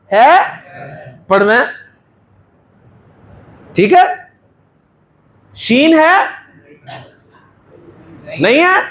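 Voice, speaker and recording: Slow, high-voiced male Quran teacher. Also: fairly bright tone, echoey room. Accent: Pakistani Urdu. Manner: patient, quizzes students and praises answers. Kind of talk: classroom lesson on Arabic grammar. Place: mosque classroom.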